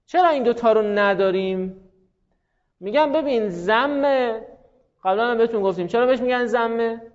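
A man teaching a grammar class, explaining step by step and asking his students rhetorical questions. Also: extremely high pitch. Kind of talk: classroom lecture. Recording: dull recording in a reverberant room.

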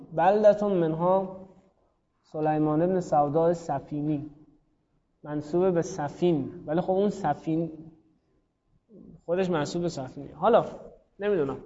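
A man's voice: high voice, in a large hall, dull audio. A man teaching a grammar class, calling on students by name and thinking aloud. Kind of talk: classroom lesson on Arabic grammar.

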